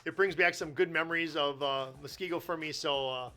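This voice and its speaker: A man's voice: fairly high pitch, fairly even intonation, a little fast, bright, forceful tone. A middle-aged man co-hosting a movie podcast with dry, teasing humor. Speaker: podcast co-host. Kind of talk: casual chat.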